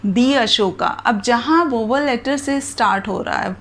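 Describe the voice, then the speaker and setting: A woman's voice: on the high side, measured pace, a bit bright. A woman teacher giving a grammar lesson, spelling out letters and examples one at a time.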